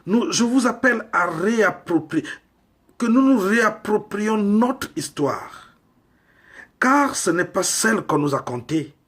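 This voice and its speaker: A male preacher from Congo speaks in an unhurried, deliberate cadence. His voice sits a little high and carries a husky, breathy edge. He presses his points with emphatic rhetorical questions. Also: expressive, fairly bright tone. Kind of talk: sermon.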